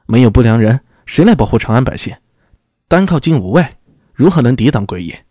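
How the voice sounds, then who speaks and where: A man's voice: medium pitch, sing-song, brisk, warm tone, no echo, studio quality. A man voicing a stubborn, hot-headed young son who talks back in a raised voice. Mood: defiant. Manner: defiant, raised voice, talking back.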